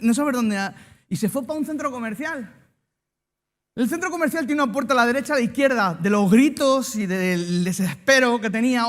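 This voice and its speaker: Preaching to his congregation, a pastor from Spain tells a personal story laced with jokes and banter. His voice is very high-pitched and carries a Spanish accent.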